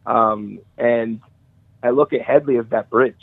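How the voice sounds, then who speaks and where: Man, middle-aged, halting restarts, emotional, dry sound, phone-like call audio. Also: mid-range voice, fairly even intonation, gravelly, no echo. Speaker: friend sharing memories on a call. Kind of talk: casual conversation.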